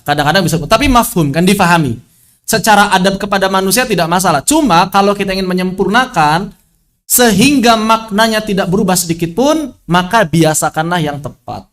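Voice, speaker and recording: A man with a high voice teaches an online recitation lesson through a video call. He explains patiently, repeating key phrases and slipping between formal teaching and casual asides. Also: a bit bright. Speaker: religious teacher.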